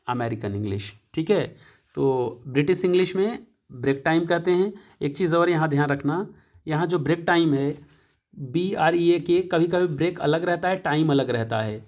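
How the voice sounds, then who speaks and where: A man teaching an English lesson, explaining each point again and again, often pausing to check and correcting himself. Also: on the high side. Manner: repetitive, checks with "ठीक है" often; self-correcting, thinking aloud. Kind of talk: classroom-style lesson.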